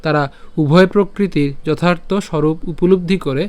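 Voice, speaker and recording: A man teaching the pronunciation of scripture verses, breaking words into syllables, repeating them slowly and sometimes chanting them in a melody. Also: on the high side, steady tone, a little mellow. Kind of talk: pronunciation lesson.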